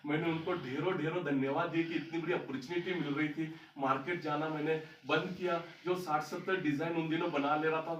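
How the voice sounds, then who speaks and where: A man's voice: a little high, fairly bright tone, far from the mic, slight background noise. A man telling a story about his life to an audience as a motivational speaker, recorded in a large hall. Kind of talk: storytelling talk on stage.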